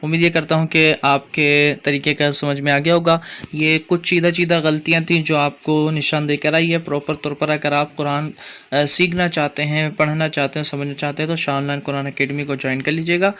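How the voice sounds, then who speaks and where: A man with a Pakistani Urdu accent teaching Quran recitation rules, explaining each point and chanting verses slowly. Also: fairly high pitch, little pitch movement, sharp tone, smooth. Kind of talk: tajweed lesson with chanted recitation.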